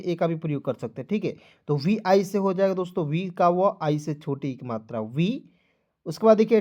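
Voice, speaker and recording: A man's voice: sits high, a little mellow, highs cut off. A male teacher giving a beginners' spelling lesson, repeating each step and coaxing his viewers along as friends.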